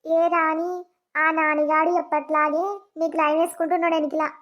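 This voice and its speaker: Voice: high-pitched, flat delivery, fairly quick, highs cut off, natural voice. A voice actor playing a sympathetic young woman friend in a cartoon, coaxing with a Telangana accent. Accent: Telangana Telugu.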